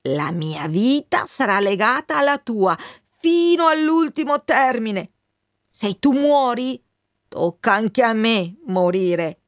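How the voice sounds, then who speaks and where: A woman's voice: fairly high pitch, fairly bright tone, no echo, studio quality, voice pushed up. A woman voicing a loyal male wind spirit, speaking in a raised, urgent, pleading way.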